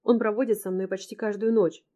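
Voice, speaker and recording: Woman doing a scared young woman, tearful, pleading, mid-pitched voice. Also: fairly even intonation, fairly quick, dark tone, lightly acted. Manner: sobbing, pleading. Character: frightened tearful young woman, desperate and trapped.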